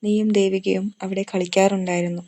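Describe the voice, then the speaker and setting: Grieving old granny, put on by a lady narrator, trembly voice, low crackle, barely moves in pitch. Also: little pitch movement, a little fast, mellow, natural voice. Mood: shaken, tearful. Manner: trembling, tearful confession. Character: grieving old grandmother confessing a secret.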